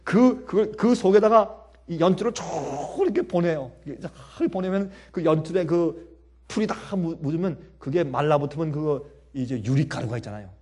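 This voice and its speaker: A man preaching a sermon, telling stories with lively swings between soft and loud speech and frequent laughter. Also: a little high, normal speed, husky.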